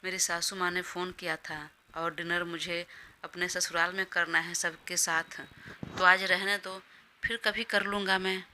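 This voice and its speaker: A woman's voice: fairly low pitch, little pitch movement, unhurried, pushed and bright, a little hiss or hum. A woman voicing a caring, indulgent young male boss in an audio drama. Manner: indulgent, obliging.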